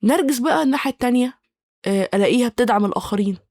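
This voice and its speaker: Brief: Egyptian woman podcast host, a little high, animated comic monologue. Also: rapid-fire, dry recording. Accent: Egyptian Arabic. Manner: animated, self-mocking, acts out quoted people. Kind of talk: casual comedic monologue.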